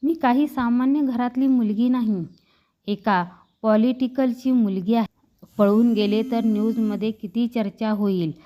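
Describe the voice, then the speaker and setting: A woman voicing a young woman who pleads tearfully and speaks a little higher than her narration. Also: fairly even intonation, unhurried, warm tone, natural voice. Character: young woman, a politician's daughter, in love and pleading.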